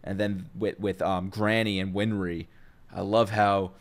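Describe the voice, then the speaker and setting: A man's voice: sits low, level tone, measured pace. A young man hosting casual, unscripted reaction videos, talking in slangy, swear-filled language into a close mic. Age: young adult. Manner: profane, slangy. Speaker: host of anime reaction videos. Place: home living room with open kitchen. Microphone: close microphone on boom arm.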